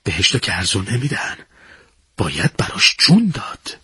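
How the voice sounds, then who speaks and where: A male reader putting on a resolute young commander in a war story, who talks low and even to his men. His voice is husky, and the recording is close and dry. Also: dry recording, full character voice. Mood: calm.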